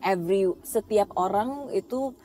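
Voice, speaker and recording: A woman's voice: medium pitch, unhurried, warm tone, a little hiss or hum. A woman hosting a casual conversation, thoughtful and mixing in English phrases. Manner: reflective, mixes in English phrases. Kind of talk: casual chat.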